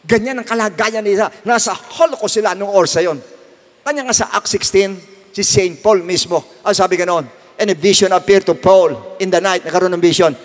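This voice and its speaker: A man with a Filipino accent preaching a sermon as pastor, swinging widely between soft low passages and loud high cries and repeating his phrases. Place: church hall. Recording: long reverb of a church hall.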